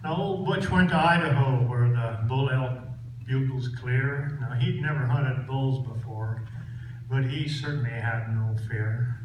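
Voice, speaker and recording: A man's voice: medium pitch, measured pace. A man with a cowboy twang performs folksy tall-tale poetry at a live event. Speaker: cowboy poet. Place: echoey room, live event. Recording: echoey hall from far off, loud noise.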